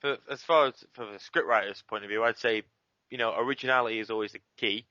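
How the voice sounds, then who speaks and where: A bright, forward man chats about writing his abridged series, quick and self-deprecating. The audio is dull and lo-fi, and dry with no room around it. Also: mid-range voice, no room sound. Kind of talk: casual interview chat.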